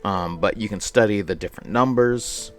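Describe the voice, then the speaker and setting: At a charity event, a male game streamer gives casual live commentary, rambling and repeating himself. His voice is on the low side at a normal speed, with game music playing behind him.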